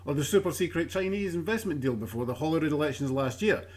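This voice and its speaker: A man's voice: a little high, quick pace, a little mellow. A man hosting a satirical news show, with dry, sardonic commentary.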